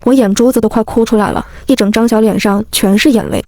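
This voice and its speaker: A woman narrating a first-person story in a lively, wry, comic manner. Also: on the high side, quick pace, no echo.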